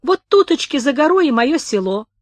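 A woman's voice: high-pitched, very animated, normal speed, darkish tone, dry recording, pitched above the performer's own voice. A woman voicing a stubborn, cunning old village man who grumbles and quarrels in rustic speech in an audiobook. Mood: quarrelsome.

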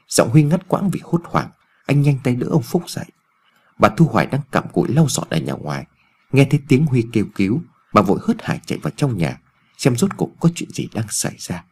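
A man narrating a ghost story in an expressive storytelling reading. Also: medium pitch, husky.

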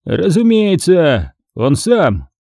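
A man voicing a menacing, contemptuous gang boss in an audiobook, talking roughly. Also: on the high side, wildly swooping pitch, slow, darkish tone, no room sound, clean studio sound, voice pushed up, heavily acted. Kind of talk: audiobook character voice.

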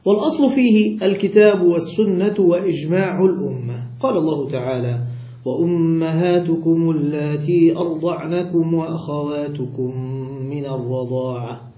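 A man's voice: high voice, mellow, echoey room. A man teaching a jurisprudence lesson with an Egyptian accent, stretching words and quizzing his students. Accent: Egyptian Arabic. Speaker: sheikh teaching Islamic jurisprudence. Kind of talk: classroom lesson with questions to students.

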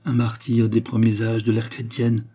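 A man reading a novel aloud, voicing a calm nobleman who speaks in a cool, measured way. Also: medium pitch, lightly acted.

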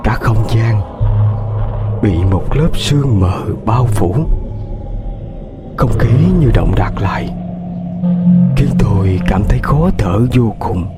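A man's voice: lowish voice, slow, long pauses, over loud music. A man narrating a ghost story in a tense, dramatic way, with hesitations.

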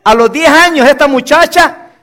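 A man's voice: very high-pitched, moderate pace, bright, forceful tone. A male pastor preaching from a church pulpit, emphatic and leading the congregation in call-and-response. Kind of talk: sermon.

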